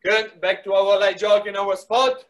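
Coaching a live workout, a middle-aged man issues short repeated commands along with encouragement, as a soccer fitness coach would. His high voice is a little slow and a bit bright, with fairly even intonation. A device mic a few metres away records him in a small wood-panelled indoor room.

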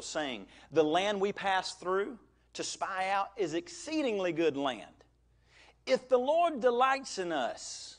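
A man preaching a sermon as pastor of a church, animated, with call-and-response to the congregation and acted-out quotes. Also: fairly high pitch. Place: church sanctuary.

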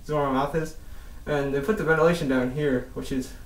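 Brisk and steady, with a fairly high pitch, a young man rambles through a casual vlog review of an airsoft mask indoors, swearing mildly. His balaclava and mask muffle his voice, and the distant camera captures roomy audio.

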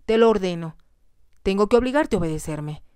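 A woman voicing a cold, commanding aristocratic husband in a whispered role-play, speaking quietly and curtly. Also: medium pitch, animated, fairly quick, clean tone, no echo, close to an everyday voice.

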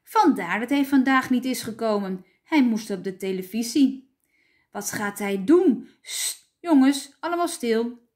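Woman voicing a fussy father, bustling, slow and lively. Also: fairly high pitch.

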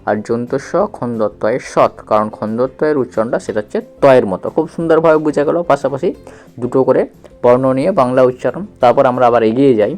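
A man's voice: mid-range voice, fast talker, darkish tone, faint music behind. A man gives a reading lesson for children. He spells out letters, repeats syllables and asks the listener questions. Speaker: teacher.

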